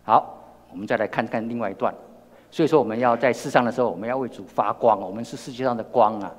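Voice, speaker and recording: A man's voice: mid-range voice, fast talker. Older Taiwanese-accented man preaching in a hall. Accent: Taiwanese Mandarin. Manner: storytelling, many repeated words and restarts. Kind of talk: sermon. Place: church hall. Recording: long reverb in a church hall.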